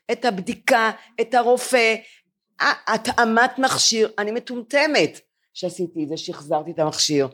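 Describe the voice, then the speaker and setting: A woman's voice: mid-range voice, breathy edge. A woman in her seventies, a podcast co-host, chatting in a self-mocking, storytelling way before a live audience. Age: 70s.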